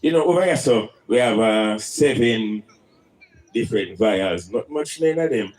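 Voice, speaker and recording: A man's voice: lowish voice, animated, measured pace, darkish tone, poor audio. A man with a Jamaican accent speaking in Rastafarian style, preaching and teaching emphatically with rhetorical questions and Rastafari idioms.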